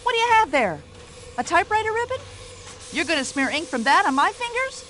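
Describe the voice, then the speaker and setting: An actress playing a pushy, talkative middle-aged American widow who complains indignantly, with an American accent. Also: female voice, very high voice, very animated, a little fast, a bit bright, slight background noise, exaggerated voice, low-quality recording. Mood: outraged. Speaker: witness in a radio-style drama.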